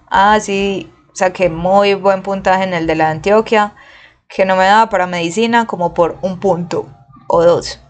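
A young woman with a Colombian accent, telling a personal story in casual, slangy talk and acting out the quotes. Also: mid-range voice. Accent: Colombian Spanish. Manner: slangy, animated, acts out quotes.

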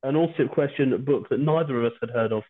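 A British man hosting a podcast in casual, rambling, hesitant chat with dry humour, recorded at home over a low-quality video call. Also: quick pace. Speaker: podcast host. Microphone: video call without his usual microphone. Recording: low-quality online stream, phone-like sound.

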